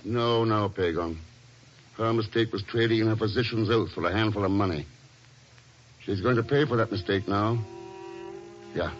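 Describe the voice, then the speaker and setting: An actor playing a cool, unflappable secret agent in an old radio drama, measured and authoritative. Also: male voice, on the low side, natural voice. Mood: grave, confident. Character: cool, unflappable middle-aged male secret agent hero. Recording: noisy, muffled vintage radio recording.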